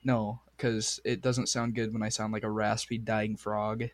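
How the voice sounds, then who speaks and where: A man hosting a podcast, chatting casually with crude, excitable banter while straining a sore voice. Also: on the low side, measured pace, very noisy. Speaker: podcast host. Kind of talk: casual chat.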